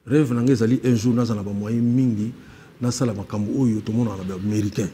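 On a TV studio set, a male musician appears as a guest on a talk show, chatting easily in a casual interview, listing names and mixing Lingala with French. His voice is on the low side at a moderate pace, with a little hiss or hum in the audio.

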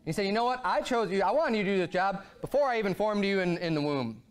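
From a church pulpit, a male pastor in his thirties delivers an animated sermon at a quick pace in a high-sitting voice. His pitch rises and falls sharply as he hammers home each point.

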